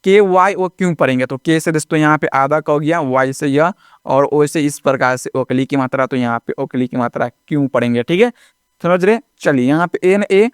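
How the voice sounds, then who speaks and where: A man's voice: fairly high pitch, normal speed, clear, resonant tone, no room sound, clean studio sound. A man teaching a video lesson in speech, often repeating himself and checking in with his students. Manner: repetitive, keeps checking in with the audience.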